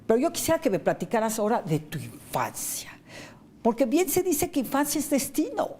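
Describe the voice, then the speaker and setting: A woman's voice: on the high side, wildly swooping pitch, brisk, dark tone, slight background noise. A middle-aged woman with a Mexican Spanish accent hosting a TV interview, chatty and leading the guest with questions. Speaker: TV host.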